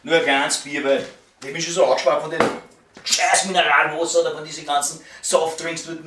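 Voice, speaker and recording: A middle-aged man with a fairly high voice and a Viennese accent grumbles like a fed-up waiter. He rambles and swears, repeating words as he gets worked up. The sound is roomy, picked up a little away from the mic. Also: level tone, fairly quick. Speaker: waiter venting about the job. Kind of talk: casual rambling vlog rant. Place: at home, indoors. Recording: roomy echo, distant mic, clicks and noise.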